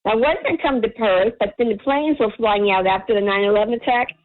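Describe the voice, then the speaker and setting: A woman's voice: on the high side, quick pace. A woman caller from the United States chatting casually on radio in a slightly harsh voice, rambling and dramatically quoting herself. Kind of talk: casual chat. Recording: tinny phone line on radio.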